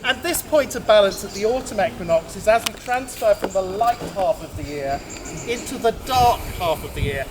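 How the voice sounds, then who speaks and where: Speaking at a normal speed in an animated, high-pitched voice, a priest chats informally to a gathering. He explains things as he goes and laughs at his own jokes, with noisy outdoor ambience in the background.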